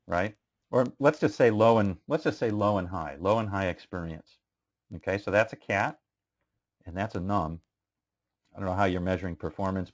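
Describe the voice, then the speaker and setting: Low-voiced man lecturing a class. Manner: conversational, questioning students, frequent fillers. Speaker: instructor. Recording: muffled lo-fi classroom recording.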